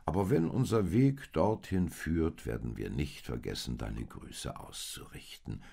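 A man reading a story aloud, voicing a group of curious, slow camels in a wondering tone. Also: very deep voice, animated, creaky, mellow, slightly rough, full character voice. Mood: pleading.

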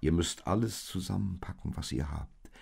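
Man playing a soft-spoken angel, low gravelly voice, husky, hushed, storybook. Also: normal speed, exaggerated voice. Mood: earnest. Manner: soft, hushed, partly whispered. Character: gentle male angel, warning in the night.

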